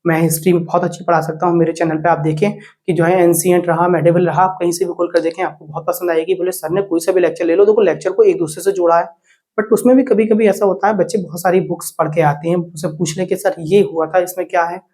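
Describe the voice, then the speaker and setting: A male teacher giving exam coaching advice, speaking rapidly, mixing in English words and repeating short check-ins. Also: high-pitched, fairly even intonation, a little mellow. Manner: rapid, repetitive, peppered with "theek"; mixes Hindi with English words.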